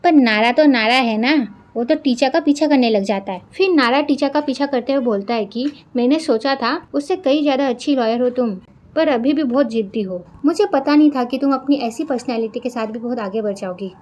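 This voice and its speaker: A woman with a Hindi accent recapping a television drama in a lively, casual storytelling way. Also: sits high, a little fast. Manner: lively, acts out the characters' quoted lines.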